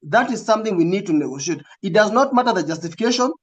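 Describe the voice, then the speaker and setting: A man's voice: high-pitched, lively intonation, rapid-fire, slight background noise. A man with a Kenyan accent giving interview answers in casual, code-switching talk, earnest and emphatic, repeating phrases for stress. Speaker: recruitment agency representative, interview guest.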